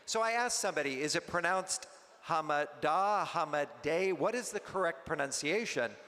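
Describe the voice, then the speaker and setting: A man serving as emcee at a luncheon, making chatty, unhurried announcements with some halting restarts. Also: fairly high pitch, expressive, pushed and bright. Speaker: event emcee. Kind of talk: event hosting announcements. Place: luncheon banquet hall. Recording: long hall reverb, faint noise.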